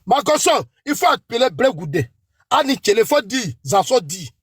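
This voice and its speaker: Man, ivorian french accent, very high husky voice, angry accusing rant, dry sound. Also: big pitch swings, moderate pace, no echo. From Ivory Coast. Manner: emphatic, accusing, repeats the rival's name. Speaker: political commentator. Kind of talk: heated rant addressed to a rival.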